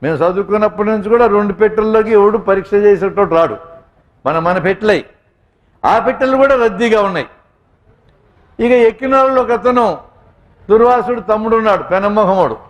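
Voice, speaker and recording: On a muffled recording, a male doctor with a high voice gives students a funny, motivational speech full of anecdotes. Speaking a little fast but with long pauses, he jokes and talks straight to his listeners.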